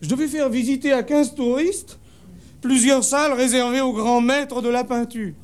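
A man telling a comic story on stage in a deadpan way, breaking into sudden high shouted punchlines. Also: moderate pace, clean tone. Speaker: stand-up comedian. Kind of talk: comic monologue before a live audience. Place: theatre stage with a laughing audience. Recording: live show recording with crowd laughter and noise.

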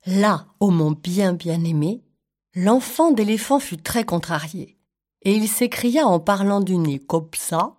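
A woman reading a children's story aloud, slow and expressive, with playful storytelling touches. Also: mid-range voice.

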